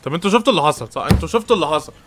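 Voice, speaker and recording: Egyptian streamer, young man, rushed angry trash talk, game music underneath. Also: a little high, expressive. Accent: Egyptian Arabic. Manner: frustrated, trash-talking, swears and mocks the opponent. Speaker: gaming streamer. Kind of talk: live gameplay commentary.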